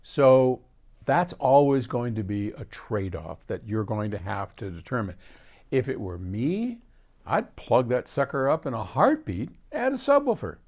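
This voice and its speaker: A somewhat slow, medium-pitched older American man runs a casual Q&A for his audience, meandering through explanations and anecdotes. Lively and digressive, he often recounts conversations word for word.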